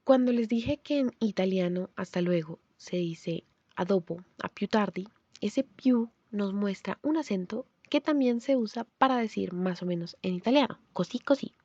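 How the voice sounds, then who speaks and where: Dark-voiced woman teaching pronunciation. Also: medium pitch, dry recording, lo-fi sound. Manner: explains clearly, then pronounces example words slowly. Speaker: language teacher. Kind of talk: scripted phonetics lesson.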